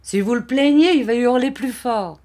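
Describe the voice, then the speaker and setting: A rough peasant man snaps and threatens, impatient and quick to anger. A woman acts him out while reading a storybook. His voice is raised and harsh. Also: medium pitch, voice pushed up, close to an everyday voice. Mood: angry. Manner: harsh, shouting.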